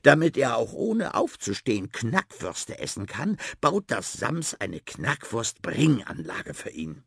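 A man reads a children's story aloud with lively storytelling. His voice is gravelly and a little husky, and the pitch swings freely. The recording is close and dry. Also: measured pace, no echo. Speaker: narrator. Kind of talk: scripted narration of a children's story.

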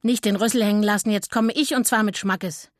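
A woman reading a storybook and voicing a cheeky male monkey who talks brash, quick and loud. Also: medium pitch, fairly even intonation, no room sound, clean studio sound, lightly acted. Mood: boisterous.

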